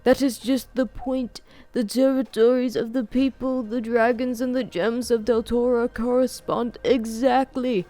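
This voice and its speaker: A woman's voice: fairly high pitch, fairly even intonation, a little slow, few pauses, mellow, soft background music, pitched above the performer's own voice, lightly acted. A woman doing an eager, lecturing frail old scholar.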